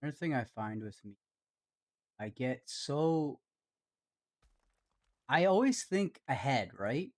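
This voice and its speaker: Canadian male streamer, casual self-deprecating build commentary, halting delivery, mid-range pitch. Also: very animated, a little mellow. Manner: rambling, hesitant, self-deprecating. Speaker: live streamer.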